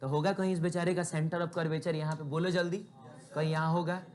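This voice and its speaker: A man teaching physics in a classroom, asking the students rhetorical questions and telling chatty ones to be quiet. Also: a little high, flat delivery, fairly quick. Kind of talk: classroom lecture.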